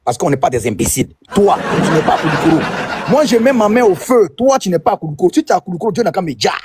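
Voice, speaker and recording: A man's voice: high-pitched, very animated, racing, noisy background. A man on a debate panel, accusing and taunting, repeating his charges over and over. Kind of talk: heated online debate.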